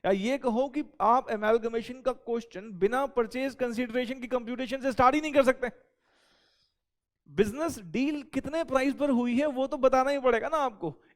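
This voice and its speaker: Guy teaching accounting, high voice, asks stuff then answers it himself, dictates notes real slow. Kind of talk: recorded classroom lecture.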